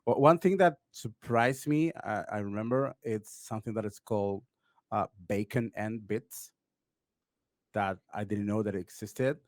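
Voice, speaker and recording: A podcast guest from Uruguay chats casually in a lowish, unhurried voice. He rambles, leaning heavily on "like" and "uh," and the studio-quality recording has no echo.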